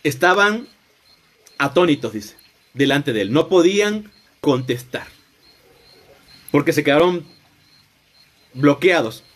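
A man's voice: a little high, animated, slow pace, pauses often, fairly bright tone. A man retelling a Bible story in a loose, conversational sermon, often restarting and rephrasing as he goes. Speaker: preacher. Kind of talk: informal Bible teaching.

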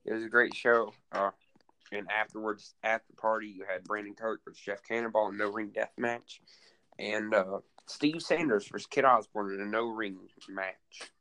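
A man's voice: on the low side, steady tone, moderate pace, pushed and bright, no room sound. A man recapping a wrestling event in casual podcast chat, rambling and full of fillers. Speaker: co-host recapping a wrestling show.

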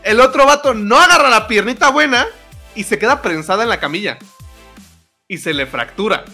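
Mexican man, lively pitch, bright tone, slangy storyteller, faint music bed. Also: normal speed. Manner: slangy, laughing, animated retelling. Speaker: podcast co-host. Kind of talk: casual comedic storytelling.

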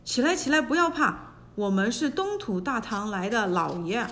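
A woman voicing a cocky male monkey king who shouts and boasts in a storybook tale. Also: on the high side, animated, normal speed. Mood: boastful.

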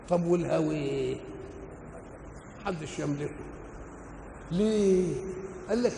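A man's voice: sits high, creaky, a little mellow. An older man with an Egyptian accent giving a colloquial religious lecture, asking rhetorical questions and answering them himself. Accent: Egyptian Arabic. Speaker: preacher explaining the Quran. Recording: echoey hall with faint noise, old recording.

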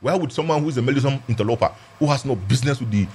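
A man's voice: mid-range voice, rapid-fire, darkish tone, a little hiss or hum. A man with a Nigerian accent giving an emphatic, argumentative legal commentary in a discussion, repeating phrases for stress. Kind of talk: animated political and legal discussion.

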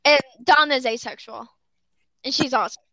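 A woman giving quick, opinionated takes in casual chat over an online voice call. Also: high voice, bright, forceful tone, dry recording. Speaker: friend in group call.

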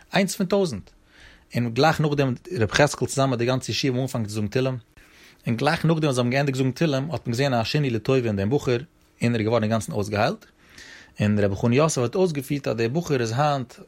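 A man with a Yiddish accent teaching a Talmud class, reading the text in a quick singsong study-hall chant and explaining it. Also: medium pitch.

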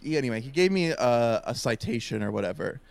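A man's voice: mid-range voice, animated, fast talker, vocal fry, slight background noise. A young man, a podcast guest, telling a long story in a casual, rambling way, with lots of fillers and laughs, over a voice call.

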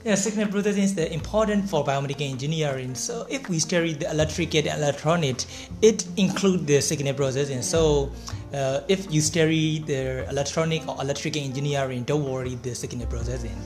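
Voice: mid-range voice, a little mellow. Hesitant young Burmese-accented podcast guest, music behind. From Myanmar. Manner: hesitant, halting, repeats phrases. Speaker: interview guest, biomedical engineering researcher. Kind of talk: podcast interview answers in non-native English.

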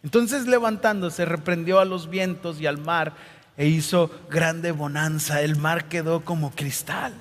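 High-voiced man preaching in reverberant hall. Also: measured pace. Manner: dramatic, acts out scripture quotes. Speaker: pastor. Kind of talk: sermon.

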